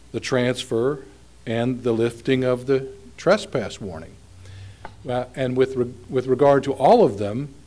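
A man, an attorney giving oral argument in a courtroom, speaking in a measured, halting way with frequent restarts. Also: mid-range voice, a little mellow. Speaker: appellate attorney.

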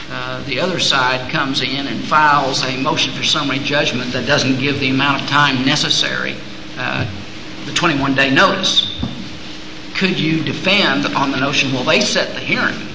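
A man speaking as a judge, questioning counsel with deliberate, probing hypotheticals. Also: medium pitch. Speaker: appellate judge. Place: large hall at a public court session. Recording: reverberant hall, background noise.

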